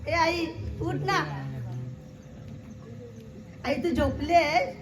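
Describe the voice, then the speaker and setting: A man's voice: very high-pitched, steady tone, drawn-out words, noisy background, exaggerated voice. A male performer playing a small boy whose mother has died, in a solo stage monologue, calling out in short, repeated childlike phrases. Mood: bewildered pleading. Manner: childlike, repetitive, calling out insistently. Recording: roomy hall with music behind.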